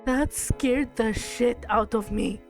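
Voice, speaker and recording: Brief: woman streamer, a bit high-pitched, hushed story reading, faint music underneath. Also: slow, vocal fry. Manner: hushed narration mixed with chatty asides to viewers. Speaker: livestreamer. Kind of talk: reading a game's story aloud on a live stream.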